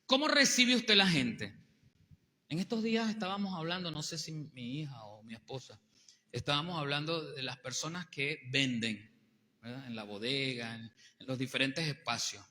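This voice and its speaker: A male pastor, preaching a sermon with animated rhetorical questions to the congregation. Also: mid-range voice, moderate pace. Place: church hall. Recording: long hall reverb.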